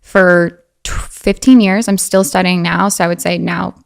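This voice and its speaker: Animated young woman with a gravelly edge. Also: moderate pace. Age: 20s. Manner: animated, drifts into a high girlish voice. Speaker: guest. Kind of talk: casual conversational interview.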